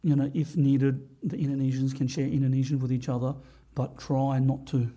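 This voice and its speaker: A man with a very mellow, dark voice and a husky edge talks as a guest on a podcast. He is earnest and halting, often restarting his sentences as he thinks aloud. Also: medium pitch, level tone. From Australia. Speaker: podcast guest, business owner. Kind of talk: candid interview talk.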